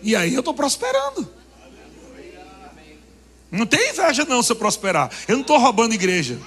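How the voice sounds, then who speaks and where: A man's voice: very high voice, wildly swooping pitch, a little fast, fairly bright tone. A man preaching a sermon, joking and laughing with the congregation. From Brazil. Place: church hall. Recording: long reverb of a church hall.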